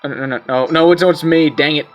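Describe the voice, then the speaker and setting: A man's voice: a little high, brisk, soft background music. A man playing a story game, reading its text aloud in a casual way, often repeating words, and chatting between the lines. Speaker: gameplay streamer.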